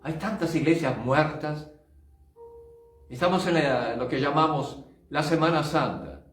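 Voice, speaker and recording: A man's voice: fairly high pitch, unhurried. An older male pastor giving a fervent sermon testimony, dropping in short English asides. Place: church. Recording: roomy church sound, distant mic, faint music.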